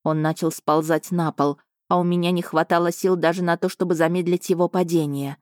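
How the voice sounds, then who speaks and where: A woman's voice: fairly low pitch, fairly even intonation, brisk, a little mellow, dry recording, studio quality. A woman reading a first-person fantasy novel aloud as narrator. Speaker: audiobook narrator.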